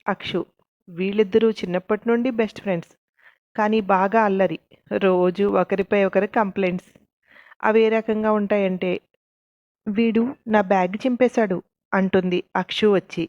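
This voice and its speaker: A woman's voice: mid-range voice, steady tone, moderate pace, darkish tone, no room sound, muffled recording. A woman narrating a family love story from a script, reading every character's lines herself with small shifts of voice. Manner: reads all the parts herself, with light shifts for quoted lines.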